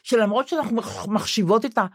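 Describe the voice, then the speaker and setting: A woman's voice: fairly high pitch, slightly rough, no echo. Frank woman co-host, dry sound. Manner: confiding, frank storyteller. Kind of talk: casual chat.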